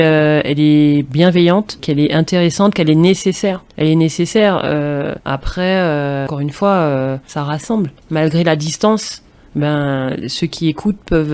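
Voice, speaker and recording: A woman's voice: sits low, darkish tone. A woman from Martinique, a former professional basketball player, talking as a podcast guest in a thoughtful, restarting way, full of fillers. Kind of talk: casual interview talk.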